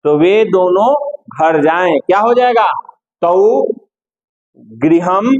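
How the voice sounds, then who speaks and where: A man teaching a classroom lesson, slow and patient, repeating each step for his students. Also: high voice, animated, darkish tone, dull audio.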